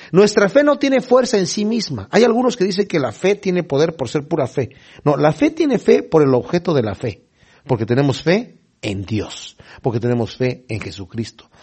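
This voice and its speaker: A man preaching a sermon, retelling scenes with animated storytelling and small acted-out voices. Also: high-pitched, slightly rough.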